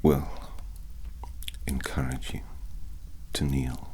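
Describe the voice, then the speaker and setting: A man in his thirties with an English accent playing a haughty, menacing, dying medieval king in whispered role-play, with archaic, deliberate, halting phrasing. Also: rumbling low, little pitch movement, mellow, a little hiss or hum.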